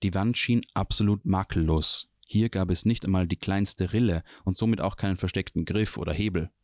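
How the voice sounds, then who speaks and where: A man reading a fantasy novel chapter aloud in a calm, even storytelling manner. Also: low voice, brisk, no echo, studio quality. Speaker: audiobook reader. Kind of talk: scripted narration of a fantasy novel.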